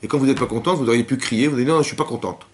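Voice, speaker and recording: A man teaching a lively class to young women, asking questions and acting out cries and quotes. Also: mid-range voice, rapid-fire, a little hiss or hum. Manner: animated, asks questions, acts out cries and quotes. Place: synagogue hall with young women students.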